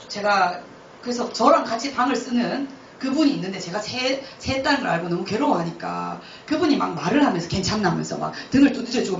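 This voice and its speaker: A woman missionary giving a lively testimony, often laughing as she tells her story in a church. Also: mid-range voice, vocal fry, slight background noise. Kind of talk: testimony talk. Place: church hall. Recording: roomy, distant, dull church recording.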